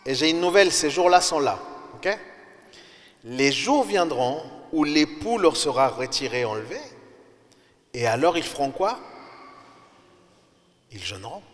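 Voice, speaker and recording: A man's voice: a little high, lively intonation, unhurried, long pauses. Man preaching in an echoing church hall. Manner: emphatic, rising sharply on key words; conversational, addresses listeners directly. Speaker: pastor. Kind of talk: sermon.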